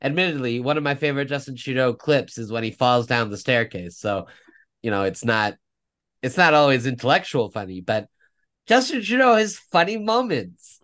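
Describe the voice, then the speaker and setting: A man's voice: medium pitch, expressive, normal speed, a bit bright. Rambling male podcast co-host. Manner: rambling, self-correcting, laughs at own stories. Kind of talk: casual political chat.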